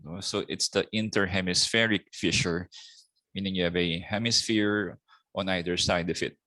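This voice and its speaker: A middle-aged man with a Filipino accent giving a slow anatomy lecture, often ending points with a questioning "no?". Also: deep voice, steady tone, pushed and bright, no room sound. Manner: slow, repetitive teaching with tag "no?". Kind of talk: recorded lecture.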